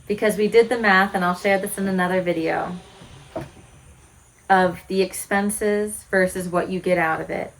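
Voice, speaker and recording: A woman around forty speaks straight to her viewers in a candid, reflective way. Her voice sits at an ordinary middle pitch. She keeps asking pointed rhetorical questions in an earnest, frank manner. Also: steady tone, normal speed, poor audio. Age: 40s. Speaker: homesteading vlogger. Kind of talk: reflective direct-to-camera talk.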